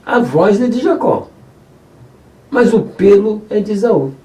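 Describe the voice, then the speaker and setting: A man's voice: sits high, animated, unhurried, mellow, roomy sound, voice pushed up. A man voicing an old, blind father who questions his son suspiciously, with a Brazilian Portuguese accent, recorded from a distant mic. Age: older.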